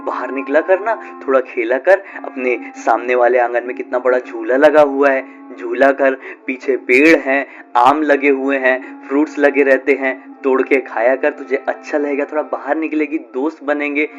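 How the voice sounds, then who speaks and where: A man voicing a gentle coaxing mother. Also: mid-range voice, steady tone, moderate pace, few pauses, lo-fi sound, faint music behind, close to an everyday voice. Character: gentle caring young mother.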